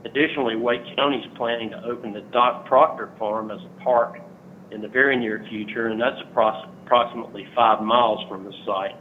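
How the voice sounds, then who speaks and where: A man's voice: medium pitch, fairly even intonation, fairly quick. A man calling in over the phone to make an earnest public comment at a hearing, reading from prepared notes with frequent "uh" fillers. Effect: heard over a phone line. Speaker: resident speaking at a public hearing. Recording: tinny phone line with faint noise.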